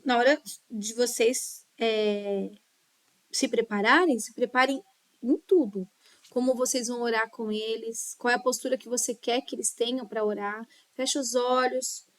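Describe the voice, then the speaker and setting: A woman with a fairly high voice leads a children's ministry course. She talks with her hands, animated and instructive, stopping to check that her listeners follow. The sound is close and dry, with little room around it. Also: no room sound. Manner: animated, gestures a lot while talking. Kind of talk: online course lesson. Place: small children's classroom.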